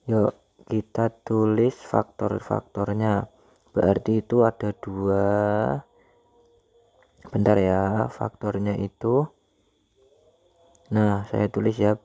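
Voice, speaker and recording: Low, creaky-voiced man teaching. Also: little pitch movement, slow pace, pauses often, warm tone, no room sound. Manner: informal, coaxing, asks and answers own questions. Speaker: maths teacher. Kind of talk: elementary maths lesson for children, step by step.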